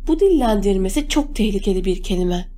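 A woman's voice: medium pitch, expressive, a little fast, dark tone, faint music behind, lightly acted. A woman reading an audiobook voices a bitter gilled man with a raised, scornful voice. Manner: scornful, accusing. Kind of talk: audiobook character voice.

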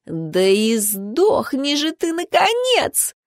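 A woman voicing a spiteful young female rival who shrieks on a high note, read in an audiobook. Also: huge pitch swings, slow pace, dry recording, studio quality, full character voice.

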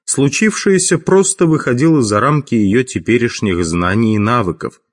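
A man narrating an audiobook in a steady, even reading voice. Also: medium pitch, normal speed. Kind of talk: scripted narration.

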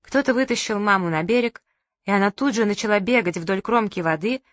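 A woman reading a lively humorous story aloud as an audiobook narrator. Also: medium pitch, brisk, dry recording, studio quality. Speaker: audiobook reader. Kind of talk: scripted narration.

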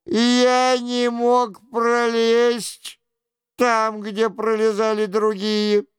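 A man voicing a fat, cowardly monk who wails and pleads in a drawn-out, lamenting way. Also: extremely high pitch, completely flat delivery, smooth, no room sound, studio quality, voice pushed up, full character voice. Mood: wailing.

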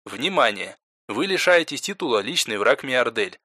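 Guy reading a soft flat game system voice, bone dry sound, plain announcements. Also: medium pitch, normal speed, no echo. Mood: announcing.

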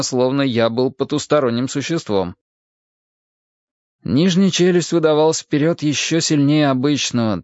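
A man reading a first-person story aloud as an audiobook narrator, with steady, measured storytelling. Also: mid-range voice, dry recording. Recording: dull, dry audiobook recording.

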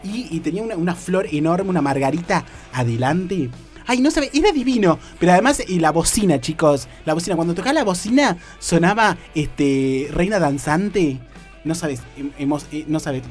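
A man's voice: a little high, expressive, normal speed, faint music behind. A man with a Rioplatense accent hosting a radio comedy show, telling a story in a camp, theatrical way full of hesitations and fillers. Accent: Rioplatense Spanish. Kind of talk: comic storytelling.

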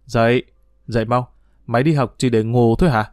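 A man's voice: medium pitch, fairly even intonation, normal speed, a little mellow, no echo, studio quality, natural voice. Man voicing a hot-tempered schoolboy. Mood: rough. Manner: scolding, blunt. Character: teenage schoolboy Tân, tough and hot-tempered.

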